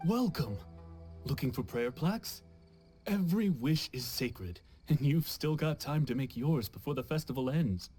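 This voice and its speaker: A welcoming festival vendor with a fairly high, animated voice. The game character delivers courteous sales patter over clear background music. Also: male voice, measured pace. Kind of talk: video game voice acting. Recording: music behind the voice.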